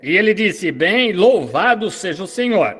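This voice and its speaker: A man's voice: high-pitched, big pitch swings, unhurried, a bit bright, breathy edge. A man preaching a sermon in an earnest, fervent way, delivered as a dubbed translation. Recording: long hall reverb.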